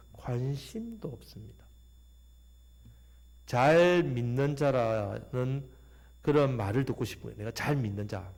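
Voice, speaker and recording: Animated pastor. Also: male voice, on the high side. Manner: animated preaching, acting out quoted voices. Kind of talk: Sunday afternoon sermon.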